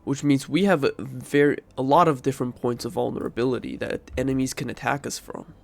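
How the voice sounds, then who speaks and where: His medium-pitched voice is creaky and steady, moving fairly quickly as he plays a strategy game with a cold-blocked nose. The streamer talks casually, thinking through moves aloud, rambling and correcting himself.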